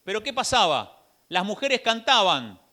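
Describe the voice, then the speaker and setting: A man with an Argentine accent preaching a sermon in a church, telling the story in an animated way with rhetorical questions. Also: high voice, measured pace. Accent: Rioplatense Argentine Spanish.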